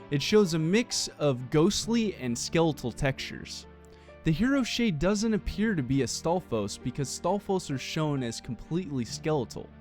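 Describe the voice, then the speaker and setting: A man narrates a scripted, analytical explainer on video game theory with background music playing behind him. His voice is on the high side with a darkish tone.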